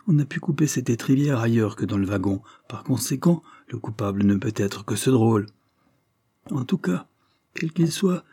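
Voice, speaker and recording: A man voicing an aristocratic horse owner who speaks in a firm, forceful way, in an audiobook. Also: medium pitch, breathy edge, dry recording, studio quality.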